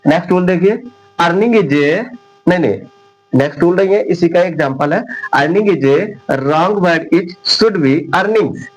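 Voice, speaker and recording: A man's voice: sits high, normal speed, poor audio. A man whose first language is Hindi teaching an English grammar lesson, repeating each word patiently and correcting common mistakes firmly. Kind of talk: classroom-style grammar lesson.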